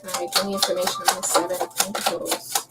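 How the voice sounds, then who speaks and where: A woman's voice: lowish voice, little pitch movement, fast, over loud music. A woman hosting a live tarot reading, chatting casually with viewers and laughing often. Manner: chatty, laughs often, talks to viewers while shuffling cards. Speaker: tarot reader livestream host. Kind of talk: casual livestream chat.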